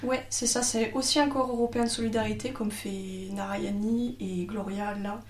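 A woman's voice: mid-range voice, fairly even intonation, normal speed, distant mic. A woman in her twenties answering as a radio guest, casual and slightly hesitant. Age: 20s. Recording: echoey room, faint ambience.

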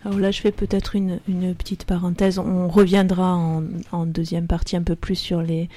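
Radio host, woman, mellow low voice, studio interview, halting speech. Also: flat delivery. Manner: hesitant, frequent fillers. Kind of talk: radio talk show interview.

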